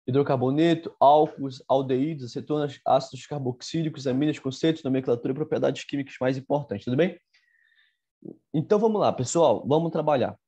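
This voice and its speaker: A man teaching an exam-prep chemistry lesson, halting with fillers and asking "tudo bem?" after nearly every phrase. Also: medium pitch, dark tone, slightly rough.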